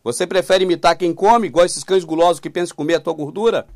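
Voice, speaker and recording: A man preaching on video who reads scripture aloud slowly, then presses the listener with repeated questions. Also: high voice, darkish tone, dry recording, studio quality. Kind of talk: YouTube Bible teaching.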